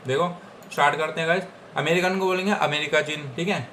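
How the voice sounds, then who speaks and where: Young Indian male tutor, slightly high voice, casual, repetitive drilling, faint noise behind. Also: steady tone, fast talker, bright, forceful tone. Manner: repeats each word several times, with frequent "theek hai guys". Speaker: Japanese language teacher. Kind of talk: casual Hindi language lesson.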